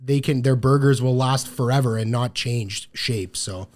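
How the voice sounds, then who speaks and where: A man's voice: mid-range voice, normal speed, darkish tone. A young man co-hosting a comedy podcast, joking crudely and teasing his friend in casual banter. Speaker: podcast co-host.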